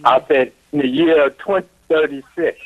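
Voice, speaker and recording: A man in his sixties calling in to a radio show, speaking in a slow, halting way while his phone line breaks up and his voice cuts in and out. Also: fairly high pitch, dry recording. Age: 60s. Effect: phone line breaking up, voice cutting in and out. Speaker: caller.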